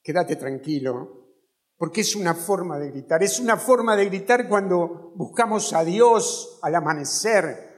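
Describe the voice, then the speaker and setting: A man's voice: high-pitched, expressive, a little slow. A man with an Argentine accent preaching a fervent sermon in a chapel, with a repetitive preaching cadence. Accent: Argentine Spanish.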